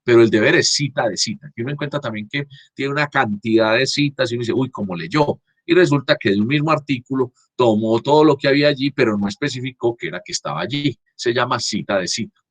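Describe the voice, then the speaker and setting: Husky man teaching online. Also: medium pitch, fairly bright tone, no room sound. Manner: halting, frequent restarts, checks understanding with "¿cierto?". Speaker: university teacher. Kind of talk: online class lecture. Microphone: computer mic on a video call.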